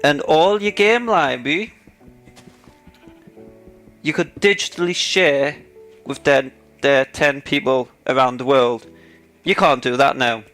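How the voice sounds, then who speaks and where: A man's voice: mid-range voice, takes it slowly, pauses often, fairly bright tone, soft background music. A man co-hosting a casual gaming chat show, ranting sarcastically and getting worked up about his topic. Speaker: podcast co-host.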